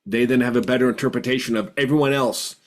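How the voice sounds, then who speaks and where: Speaking quickly in a steady, mid-range voice, a support group participant in his fifties talks on a group video call. He stutters and repeats words for emphasis while sharing in an earnest, reflective way.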